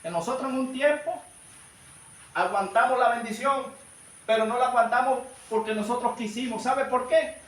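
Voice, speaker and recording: A man's voice: very high voice, moderate pace. A man preaching a sermon at a church service, fervently addressing his listeners as brothers. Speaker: evangelist preacher. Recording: echoey hall, distant mic, faint noise.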